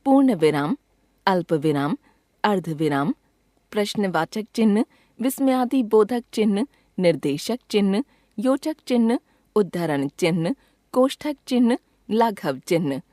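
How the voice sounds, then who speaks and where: A woman reading a grammar textbook lesson aloud in a measured, even way, pausing clearly after each item. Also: mid-range voice, no echo, studio quality. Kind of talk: scripted lesson narration.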